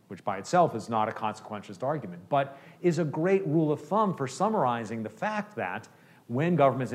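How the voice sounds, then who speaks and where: A man who says he is an economist, explaining his view and answering audience questions, often checking in with "okay?". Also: mid-range voice. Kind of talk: lecture Q&A.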